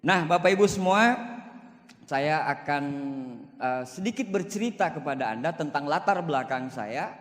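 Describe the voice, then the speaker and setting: Man in his forties, high voice, hall reverb, brash seminar speaker. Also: normal speed. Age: 40s. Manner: animated, boastful, jokey, shifts loud and soft. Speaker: motivational speaker. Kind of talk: seminar success talk. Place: large hall.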